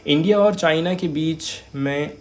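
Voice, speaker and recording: A man's voice: on the high side, a little slow, a little mellow, a little hiss or hum. A man giving an editorial analysis lecture for exam students, explaining each term with examples and addressing viewers as friends. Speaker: exam coaching teacher.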